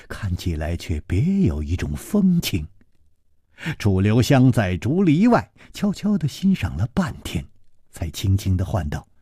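A male storyteller narrates with an expressive, drawn-out radio delivery. His husky voice swings widely in pitch at a slow pace. The studio sound is dry and close. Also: dry recording.

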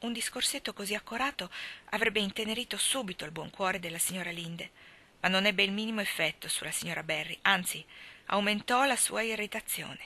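Bright-voiced woman reading a story aloud. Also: medium pitch. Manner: expressive, measured storytelling. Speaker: reader. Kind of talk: audiobook narration.

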